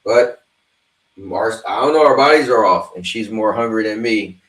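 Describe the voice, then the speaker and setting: This livestream host, a man in his fifties, talks straight to his viewers in a loose, rambling, casual chat. His voice is lowish and fairly bright, with lively intonation at normal speed. He's away from the mic, so the sound is roomy.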